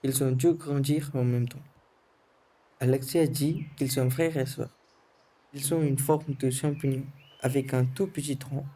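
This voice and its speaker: Teen boy narrator, scripted voice-over, steady monotone delivery, mellow and very dark. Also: mid-range voice, measured pace. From Sri Lanka. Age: teens. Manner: calm, careful reading, short phrases. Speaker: student narrator of a school film.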